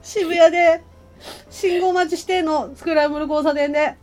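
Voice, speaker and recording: A woman co-hosting a podcast in casual chat, telling stories in a gushing, excitable way. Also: extremely high pitch, moderate pace. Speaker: podcast co-host.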